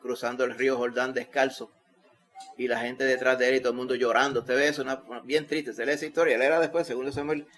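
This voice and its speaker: A male pastor with a Puerto Rican accent preaching a Sunday sermon, rising to loud emphasis when quoting scripture. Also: medium pitch, little pitch movement, fast talker. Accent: Puerto Rican Spanish.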